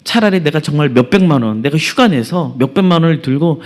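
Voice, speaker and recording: Earnest, higher-voiced male preacher. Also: animated, fairly quick. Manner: earnest storytelling with emphatic appeals. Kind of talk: sermon.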